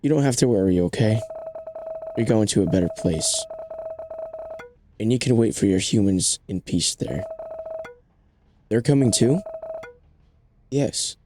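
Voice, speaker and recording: A hoarse man speaking gently and reassuringly as the lead in an audio drama. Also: on the low side, moderate pace, long pauses, music in the background.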